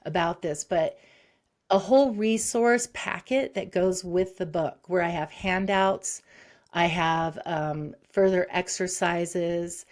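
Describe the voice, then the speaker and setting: A woman psychologist talks casually as an interview guest. Her voice sits a little low, and she rambles in a lively way, restarting her sentences and scattering "um" and "you know" as she goes. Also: takes it slowly.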